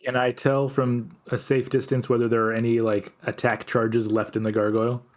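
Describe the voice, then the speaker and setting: A man's voice: medium pitch, little pitch movement, normal speed, darkish tone. A man playing a tabletop game, practical and suggesting plans. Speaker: player. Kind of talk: casual tabletop play.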